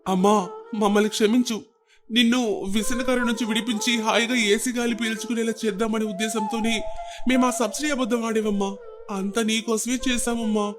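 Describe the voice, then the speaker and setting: A man voicing an anxious grown son pleading with his mother in an animated story. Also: high voice, normal speed, music in the background, natural voice. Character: worried grown son, young husband.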